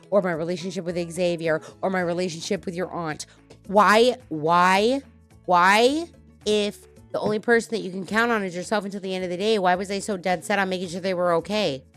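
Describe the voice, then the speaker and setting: A middle-aged woman hosting a casual podcast, talking bluntly and swearing freely as she tells personal stories. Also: lowish voice. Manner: blunt, swearing, animated storytelling. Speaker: podcast host.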